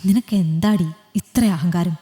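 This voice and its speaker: A woman's voice: fairly low pitch, a little slow, warm tone, lightly acted. An arrogant young man, as a woman storyteller puts him on, drunk and taunting, his words mocking and curt. The voice carries a long echo from the room. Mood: sneering.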